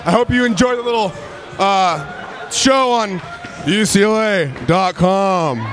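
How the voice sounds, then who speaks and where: Young man doing a loud mock announcer bit. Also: high-pitched, slow pace. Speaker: college football player as a fill-in host. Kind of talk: mock broadcast intro. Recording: music and crowd noise behind.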